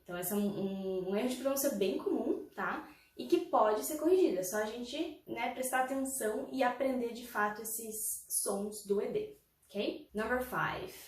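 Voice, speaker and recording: A woman's voice: medium pitch, a little mellow. A woman, teaching English pronunciation patiently, repeating examples and checking in often. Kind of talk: pronunciation lesson. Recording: roomy, from a distance.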